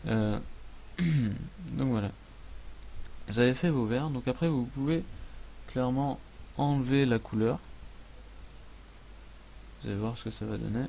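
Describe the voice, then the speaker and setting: A man in an everyday middle register hosts a relaxed screen-recorded tutorial. He narrates his clicks as he goes, stalling on fillers and joking at his own expense. A soft hiss sits faintly under his voice. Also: mid-range voice, unhurried, creaky, pauses often. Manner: thinks aloud, peppered with voilà and hesitations. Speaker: software tutorial host.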